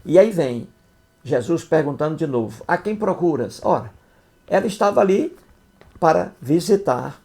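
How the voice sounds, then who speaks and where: A video commentator with a medium-pitched, dark voice and vocal fry offers critical commentary on scripture. His explanations are didactic and scornful, even mocking, and he repeats points while often asking "entendeu?" to check that listeners follow.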